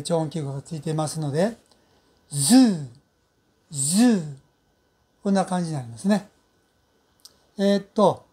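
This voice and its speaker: A woman teaching English pronunciation in Japanese, speaking slowly and patiently with many fillers and drawn-out model sounds. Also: on the low side, dark tone. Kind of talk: recorded pronunciation lesson.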